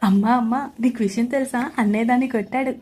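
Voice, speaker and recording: A woman's voice: fairly high pitch, steady tone, fast, a little mellow, close to an everyday voice. A woman voicing a spiteful young sister-in-law in an audio story, taunting and gleeful.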